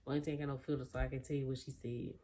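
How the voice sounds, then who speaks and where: A young woman of eighteen casually telling a story to camera as a vlogger, animated and loose, with fillers and restarts, acting out what other people said. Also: very deep voice, rapid-fire, a little hiss or hum.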